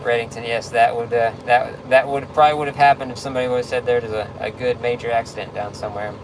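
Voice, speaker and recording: A man in casual livestream chat, answering viewer questions in a laid-back, halting, conversational way. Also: mid-range voice, steady tone. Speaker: tow truck driver livestreaming. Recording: clear vehicle and road noise.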